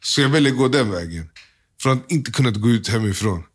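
A young man appearing as an interview guest recounts a painful personal story in a subdued, faltering manner, packed with slang and quoted lines. His mid-range voice is husky, with lively intonation.

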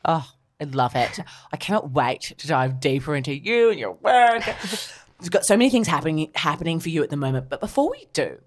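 Low-voiced woman hosting. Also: very animated, a little fast, hardly any pauses. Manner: enthusiastic, affirming interviewer. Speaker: podcast host. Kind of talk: casual interview chat. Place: hotel.

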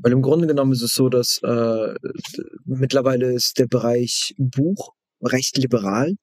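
A man speaking casually as an interview guest, haltingly repeating phrases for emphasis. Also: mid-range voice, steady tone, darkish tone, dry recording. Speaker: guest expert in book marketing.

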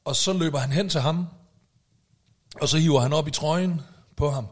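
A man telling a story in casual podcast chat, acting out shouted quotes. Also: a little high. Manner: animated, acts out shouted quotes.

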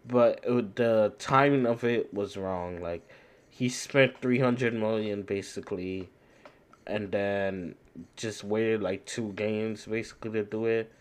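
A man's voice: on the low side, steady tone, slow, clean tone. A man co-hosting a sports podcast, talking loosely and full of slang. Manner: slangy, loose, says bro a lot. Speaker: podcast co-host. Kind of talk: casual sports chat.

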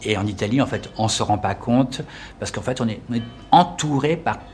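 A man's voice: mid-range voice, expressive, a little fast, slight background noise. A middle-aged man from France who teaches French, talking casually in an interview, thoughtful and hesitant with frequent restarts. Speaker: French teacher living abroad.

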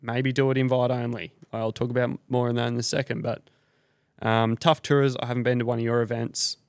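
A man's voice: mid-range voice, little pitch movement, brisk, dry recording, studio quality. An Australian man hosting a podcast, ranting casually with blunt, sweary slang. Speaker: podcast host.

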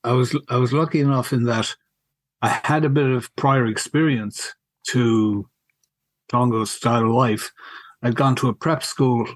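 A middle-aged man, reminiscing casually in a halting, wry way and repeating words as he goes. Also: medium pitch, steady tone, no echo. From County Mayo, Ireland. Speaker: podcast guest, school alumnus.

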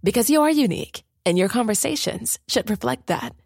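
A woman giving an upbeat ad read, her voice lively and full of movement with a gravelly, husky texture. The recording is close and dry. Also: a little high, fairly quick, dry recording. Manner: upbeat, persuasive. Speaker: ad reader. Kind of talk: scripted ad read.

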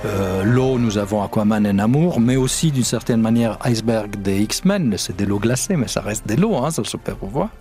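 A man giving conversational analysis on a podcast in a halting, self-repeating way. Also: fairly low pitch, expressive, warm tone, faint music behind. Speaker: podcast commentator.

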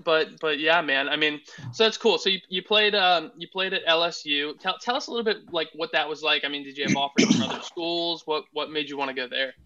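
A man hosts a casual podcast, hyping his guest with stumbling restarts and casual swearing. His voice is bright and pushy. The audio sounds dull and lo-fi. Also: on the high side, fairly quick. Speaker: podcast host.

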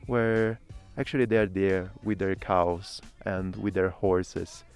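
Low-voiced male podcast host. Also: steady tone, slow, clear, resonant tone, soft background music. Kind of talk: roadside interviews and narration.

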